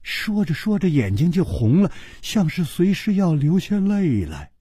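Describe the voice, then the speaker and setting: A male storyteller narrates with lively, expressive delivery. His voice sits a little high, is slightly husky, and swings widely in pitch. The recording is dry and close, with no room sound. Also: unhurried, dry recording.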